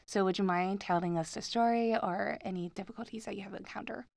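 A woman's voice: mid-range voice, fairly even intonation, fast talker, gravelly, darkish tone, no room sound. A young adult woman hosting a podcast, friendly and gushing, with frequent murmured agreement. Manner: friendly, gushing, backchannels often. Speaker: podcast host. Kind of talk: casual interview.

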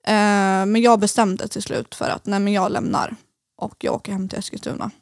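Young woman podcast guest, gravelly voice, dry close sound, halting and full of fillers. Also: mid-range voice, flat delivery, no room sound. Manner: hesitant, many fillers, speeds up and slows down. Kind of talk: personal story in casual conversation.

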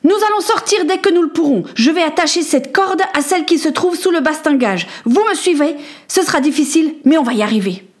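A woman's voice: high voice, lively intonation, a little fast, pitched above the performer's own voice. A woman voicing a brave, practical young boy who gives firm, earnest instructions in a storybook reading. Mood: urgent.

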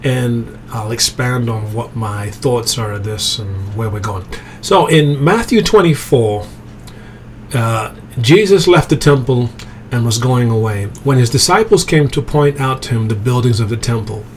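A man who grew up in England gives an informal Bible teaching podcast in a medium-pitched, expressive voice, speaking a little slowly. He keeps it conversational, checking in with "okay?" and "right?" Soft music plays in the background.

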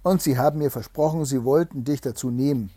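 A gruff, impatient fairy-tale husband, as a man reads him aloud, scolding his wife with raised voice. The tone stays mellow and slightly husky underneath. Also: mid-range voice, brisk, no room sound, close to an everyday voice. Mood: stern scolding.

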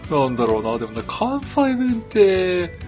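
A man's voice: sits high, big pitch swings, moderate pace, a little mellow, soft background music. A man from rural Tohoku co-hosting a podcast in casual chat, playful and self-deprecating. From rural Tohoku, Japan. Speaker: podcast co-host.

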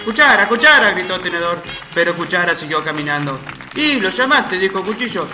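A man's voice: high voice, brisk, reverberant, over music, close to an everyday voice. A man playing a male Sicilian-style comic who slips in Italian words. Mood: jokey. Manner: rambling punchlines with Italian words. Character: Sicilian-flavored male joke-teller. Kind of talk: comedy sketch.

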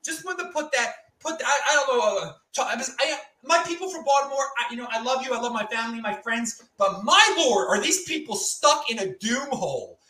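A loud, excitable man hosts a livestream, his voice bright and cutting. His pitch swings widely as he rants. The room around him rings with echo. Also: fairly quick, hardly any pauses. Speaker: show host. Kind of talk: loud animated livestream talk.

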